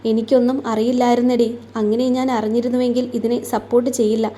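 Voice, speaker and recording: A loyal young friend in a storybook romance, quick to scold, as a woman narrator voices her. The voice is a little high, mellow and even. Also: natural voice. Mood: kind.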